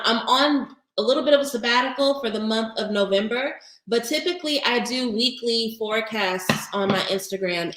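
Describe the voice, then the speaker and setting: A woman's voice: fairly high pitch, a bit bright, roomy sound, low-quality recording. A woman doing a livestream tarot reading for her audience, talking in a casual, heartfelt way that gets emotional and close to tears. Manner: emotional, holding back tears. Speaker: tarot reader.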